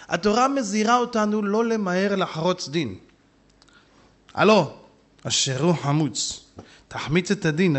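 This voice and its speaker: A rabbi preaching a humorous sermon, talking straight to his listeners and jumping into shouted asides. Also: a little high. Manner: animated, jumps into shouted asides and quick put-on voices; humorous, talks straight to the audience. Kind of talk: sermon with storytelling. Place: synagogue hall.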